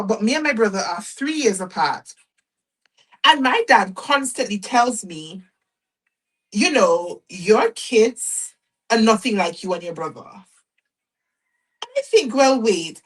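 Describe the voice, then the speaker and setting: A woman in her thirties chatting to her viewers as she sews, expressive and talkative, slipping into exasperated quoted speech. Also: medium pitch, slightly rough, far from the mic, low-quality recording. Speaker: sewing vlogger. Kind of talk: casual chat while sewing, reading viewer comments.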